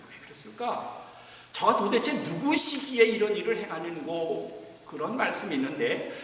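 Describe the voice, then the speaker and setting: A high-voiced man preaches with dramatic swings, dropping to near whispers and then rising to emphatic calls. He sounds far from the mic in a church sanctuary. A long, heavy hall reverb trails every line. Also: slight background noise. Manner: dramatic, swings from hushed whispers to raised exclamations. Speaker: pastor. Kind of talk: sermon. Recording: echoey church hall, voice from afar.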